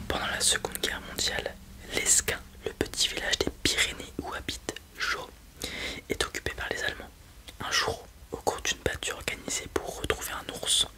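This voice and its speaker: A person doing an ASMR whispered role-play as a helpful librarian, speaking in a soft, breathy library whisper. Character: helpful librarian recommending children's books to a parent.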